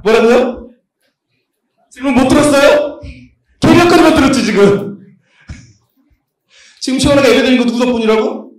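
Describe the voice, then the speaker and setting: A man preaching a lively sermon as a pastor, joking and quizzing his congregation while moving around the room. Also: very high-pitched, normal speed, long pauses. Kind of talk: lively sermon at a youth retreat. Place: large church hall. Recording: very echoey hall, voice from a distance.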